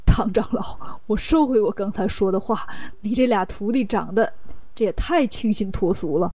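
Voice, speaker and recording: A woman's voice: medium pitch, normal speed, dark tone, voice pushed down, close to an everyday voice. A woman voicing a worried, fussy human king in a children's storybook telling, pleading and easily startled. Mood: coaxing.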